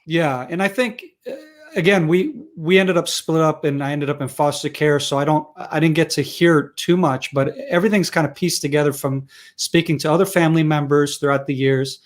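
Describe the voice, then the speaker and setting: A man's voice: fairly high pitch, a little fast. A middle-aged man born and raised in Israel, talking through his story as an interview guest, with lots of restarts and fillers. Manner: rambling, frequent restarts and fillers. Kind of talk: conversational interview.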